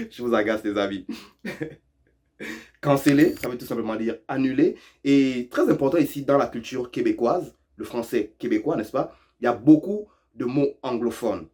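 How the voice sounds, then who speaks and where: A man's voice: medium pitch, moderate pace, darkish tone. Playful man teaching slang, laughing often. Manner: playful, laughs often, teases viewers, repeats phrases. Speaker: YouTube host explaining Quebec French expressions. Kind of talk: casual lesson.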